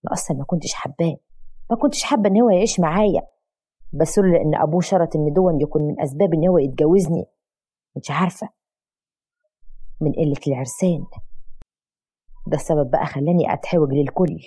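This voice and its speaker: A woman's voice: low-pitched, quick pace, pauses often, dark tone, husky. A woman with an Egyptian accent voicing a scheming, spiteful young wife who talks sharply and complains. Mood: bitter. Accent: Egyptian Arabic.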